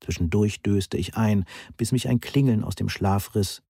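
Male audiobook reader, low and husky, dry close recording, measured first-person narration. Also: dark tone, no room sound.

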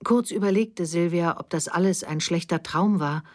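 Eine Frau liest ruhig und gemessen einen Roman als Hörbuch. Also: female voice, on the low side, dry recording, clean studio sound. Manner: calm, measured storytelling. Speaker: audiobook reader. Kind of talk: literary audiobook narration.

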